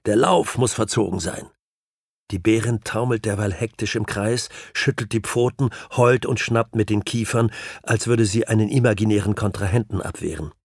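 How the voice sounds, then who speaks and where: Low-voiced male audiobook narrator. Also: steady tone, normal speed, no room sound, clean studio sound. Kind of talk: scripted literary narration.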